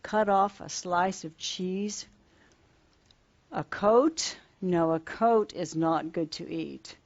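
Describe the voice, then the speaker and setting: A woman's voice: on the low side, takes it slowly, muffled recording. A woman teaching a simple children's lesson as if reading to a toddler, asking sing-song questions and repeating simple phrases.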